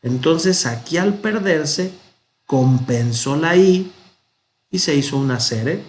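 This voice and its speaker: A man with a Mexican Spanish accent leads a grammar lesson at an unhurried, deliberate pace. He explains each rule step by step and pronounces the example words with care. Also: on the high side, animated. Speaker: Hebrew teacher.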